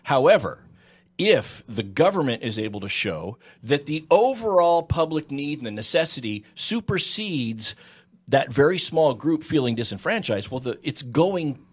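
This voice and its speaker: Animated man explaining a legal argument. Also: mid-range voice, moderate pace, slightly rough. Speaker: legal talk radio panelist. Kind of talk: unscripted legal discussion.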